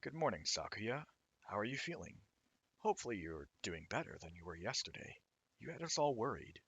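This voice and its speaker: Gentle caring friend, soft, reassuring, lifted voice, husky edge, as a man reads it. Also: sing-song, fairly quick, exaggerated voice. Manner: soft, reassuring, raised pitch.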